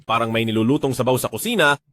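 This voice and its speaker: A man dubbing a young rich boss who hides his wealth, commanding on the phone and gentle with his wife. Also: medium pitch, fast talker, dry recording, studio quality, close to an everyday voice. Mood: soothing. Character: young rich boss posing as a poor husband. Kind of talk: Tagalog drama dub.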